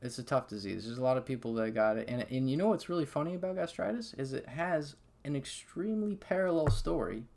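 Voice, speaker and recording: A man casually telling the story of his own health problems in an animated, conversational way, full of fillers like "okay?" and "like". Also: medium pitch, fairly quick, vocal fry, hardly any pauses, a little hiss or hum. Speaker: patient sharing his story. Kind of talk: casual first-person storytelling.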